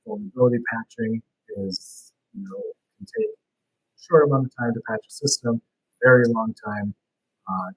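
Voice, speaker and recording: A man's voice: mid-range voice, huge pitch swings, moderate pace, a bit bright, slightly rough, no echo, low-quality recording. A man giving a remote talk on security testing, his video call audio breaking up and sounding underwater, with frequent "like" fillers and restarts. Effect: glitchy call audio breaking up, sounding underwater. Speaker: security red team presenter.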